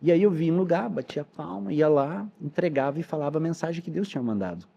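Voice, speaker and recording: A man's voice: fairly high pitch, animated, fast talker, gravelly, warm tone, highs cut off. A man, a pastor and missionary telling his testimony in a podcast interview with earnest storytelling. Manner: storytelling, earnest, quotes dialogue.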